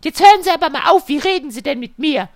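A speaker putting on a high, indignant voice for an irate woman customer in a casual retelling. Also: expressive, fast, no echo, clean studio sound. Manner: shrill, indignant. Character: irate woman customer complaining about wifi.

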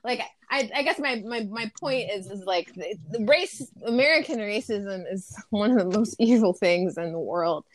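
A woman's voice: medium pitch, moderate pace, hardly any pauses, a little hiss or hum. A woman talking frankly and bluntly in a casual conversation, swearing freely.

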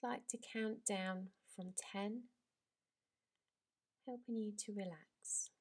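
A woman yoga teacher leading a guided relaxation in a slow, soft, soothing voice that drifts into whispers. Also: medium pitch, fairly even intonation, slightly rough.

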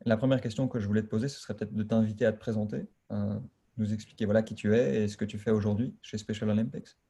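A man hosting a podcast, introducing the episode and questioning his guest in a brisk, informal way. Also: fairly low pitch, steady tone, creaky, dark tone, husky, muffled recording. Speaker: podcast host.

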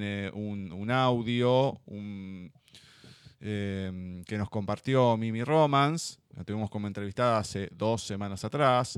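Teasing Argentine radio host, smooth voice. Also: male voice, mid-range voice, dry recording, studio quality. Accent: Rioplatense Argentine Spanish. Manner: teasing, joking. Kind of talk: casual radio banter and sign-off.

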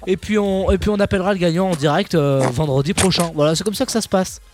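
A man hosting a radio show in lively banter, chatty and teasing, often repeating himself. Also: high-pitched, quick pace, noisy background.

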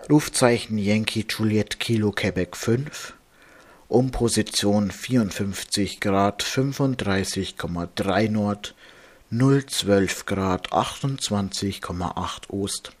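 Slow, low-pitched man reading marine radio warnings. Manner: measured, formal, spelling out with phonetic alphabet.

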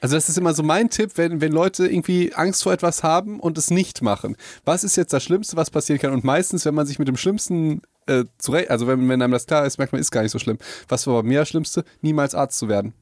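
Young male podcast co-host, fairly high voice, casual, jokes at his own expense, recorded dry. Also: quick pace, few pauses, darkish tone, dry recording. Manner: self-mocking, chatty, talks through worries with many fillers.

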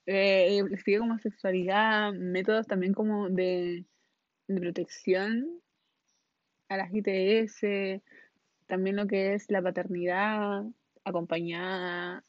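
A woman's voice: mid-range voice, dry recording, dull audio. Chatty young Chilean woman, rambling. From northern Chile. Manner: rambling, scattered, laughs often, heavy slang. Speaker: podcast host. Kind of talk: casual storytelling monologue.

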